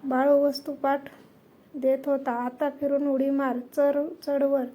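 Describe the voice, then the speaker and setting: Female storyteller, high mellow voice, reads aloud in an even, unvarying tone. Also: takes it slowly. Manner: steady first-person storybook reading with quoted dialogue.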